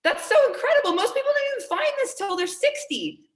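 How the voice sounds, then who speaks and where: A woman's voice: very high-pitched, very animated, a little fast, roomy sound. Earnest young woman giving a pep talk. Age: 20s. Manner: earnest, upbeat, repeats key phrases for emphasis. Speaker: team trainer. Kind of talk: motivational talk to a team.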